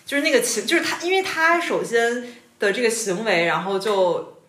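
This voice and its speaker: A woman's voice: fairly high pitch, normal speed. Chatty woman in an echoey room. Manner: animated storytelling with laughs. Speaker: podcast host. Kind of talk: casual chat.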